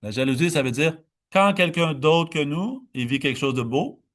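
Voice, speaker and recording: A man teaching meditation in a dharma talk, explaining slowly, stretching key words and often restarting. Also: a little high, expressive, fairly bright tone.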